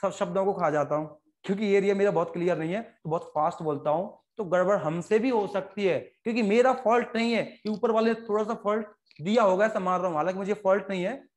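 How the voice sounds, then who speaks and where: A high-pitched man with an Indian accent lectures a biology class. He talks quickly and jokes with his students, slipping into short voices for his stories. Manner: joking, animated, fast-talking lecturer who puts on quick voices for stories. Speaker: biology teacher.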